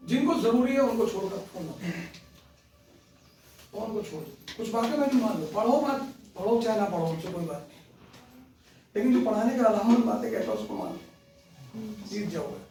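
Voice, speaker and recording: A man's voice: high-pitched, dark tone, a little hiss or hum. A man teaching a history class, chatty and joking, drifting into stories. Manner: chatty, joking, digressive storytelling. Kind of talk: classroom lecture. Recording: echoey classroom from far off.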